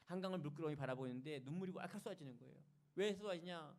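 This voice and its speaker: A man's voice: a little high, quick pace, darkish tone. A male pastor preaching a Sunday sermon in a church, telling stories with dramatic, emphatic rises. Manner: dramatic storytelling, emphatic and rising. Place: church sanctuary.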